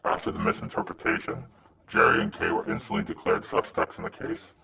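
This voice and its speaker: A man reading a scripted anonymous message in a disguised, pitched-down voice. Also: very animated, brisk. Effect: disguised voice, pitched down and gravelly. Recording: noisy, distant-sounding recording.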